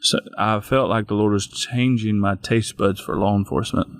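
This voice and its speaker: A man's voice: on the low side, fairly even intonation, moderate pace, dry recording, studio quality. A middle-aged man, a pastor telling his own story in an interview, plainspoken and folksy, often restarting his sentences. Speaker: pastor and guest. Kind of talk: personal storytelling in a podcast interview.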